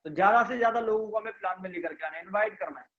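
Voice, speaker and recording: Man, high voice, instructive trainer, online session, dull lo-fi audio. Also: very fast. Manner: instructive, repeats points and asks if understood. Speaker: sales trainer.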